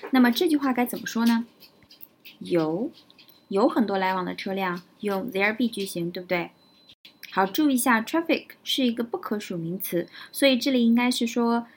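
A woman's voice: a little high, slightly rough. A woman teaching English vocabulary, explaining words step by step, building example sentences and often checking in with "right?". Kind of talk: vocabulary lesson.

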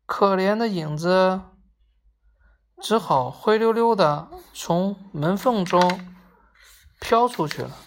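Slow, low-voiced woman telling a story. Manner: gentle, expressive storytelling. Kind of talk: reading a children's story aloud.

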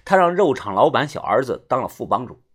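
A man's voice: mid-range voice, sing-song, brisk. A man narrating a novel in the first person, telling the story expressively. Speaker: audiobook narrator.

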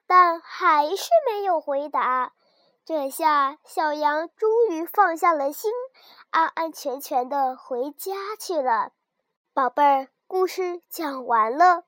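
A woman storyteller reading a bedtime story to small children in a soft, gentle way. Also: high voice, animated, slow pace, dry recording.

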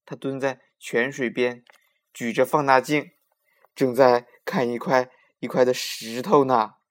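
Gentle man telling a children's story. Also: mid-range voice, measured pace. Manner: gentle, expressive storytelling voice with soft asides.

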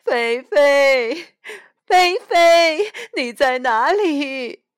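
A woman voicing a fussy, doting female dog owner who cries out in a flustered, loud way, slightly higher than her own voice. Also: big pitch swings, unhurried. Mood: anxious.

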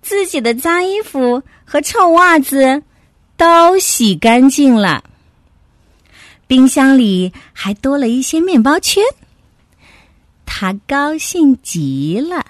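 A woman telling a children's story in a slow, expressive manner. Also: high-pitched, dry recording, studio quality.

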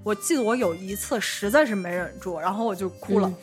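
A young woman talks calmly and matter-of-factly on a podcast, teasing dryly now and then. Her pitch sits in the middle. Faint music plays under her voice. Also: a little fast. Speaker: podcast co-host. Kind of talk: casual chat.

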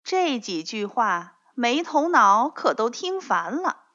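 A woman narrating a children's story in a slow, expressive, animated way. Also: fairly high pitch. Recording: dull lo-fi recording.

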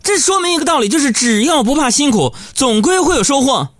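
A man's voice: extremely high pitch, sing-song, fairly quick, fairly bright tone, dry recording. A man hosting a live comedic radio show, chatting and teasing his listeners.

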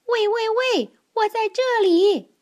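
A woman voicing a mischievous young male elephant in a children's storybook, calling out in a high, stretched, squeaky voice. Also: big pitch swings, a little slow, a bit bright, full character voice. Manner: high squeaky calls, drawn out.

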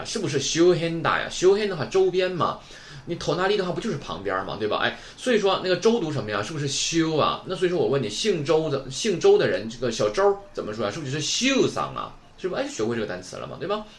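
A man's voice: a little high, wildly swooping pitch, fast talker, a bit bright, a little hiss or hum. A man from Northeast China teaching a Japanese vocabulary lesson, explaining patiently and asking rhetorical questions as he goes.

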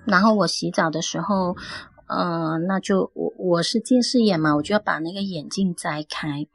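A woman tells her own ghost encounter as a caller. She speaks in an earnest, halting way, and her voice is a little husky. The sound is dry, with faint music underneath. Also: on the low side, dry recording. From Guangdong, China. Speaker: caller sharing a story. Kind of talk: first-person ghost story telling.

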